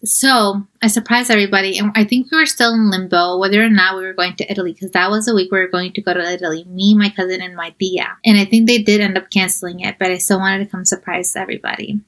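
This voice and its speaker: A woman's voice: medium pitch, rough recording. Chatty young woman telling a story. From New York. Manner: chatty and animated, quotes people in dialogue. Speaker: podcast host and mental health coach. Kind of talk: casual storytelling monologue.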